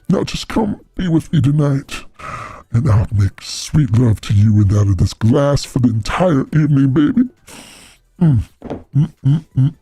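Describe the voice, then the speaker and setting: A man doing a husky, dark-toned lover's voice that croons and swoops in a seductive way, rising and falling widely as it drawls over a glass. The sound is dry and close, with no room around it. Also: a little high, no echo, heavily acted. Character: sultry male lover crooning to his tequila.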